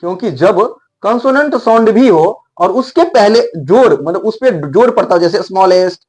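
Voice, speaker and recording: A man gives an explanatory lesson with a lively, wide-ranging pitch that rises and falls as he makes his points. He often repeats a word and drags it out slowly so the learner can hear exactly how it should sound. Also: husky. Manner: repeats and drawls words slowly to demonstrate pronunciation. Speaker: English teacher.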